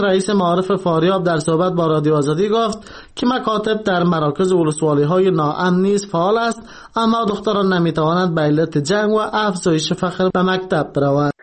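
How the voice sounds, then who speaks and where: A male radio reporter reads a scripted report in an Afghan accent. His voice is clearly high for a man.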